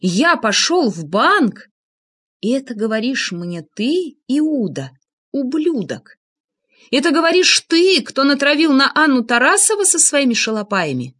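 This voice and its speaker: A woman's voice: fairly low pitch, expressive, moderate pace, fairly bright tone. A woman reading an audiobook, voicing a hardened former paratrooper who speaks harshly and with contempt. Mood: furious. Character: hardened former paratrooper man, angry and blunt.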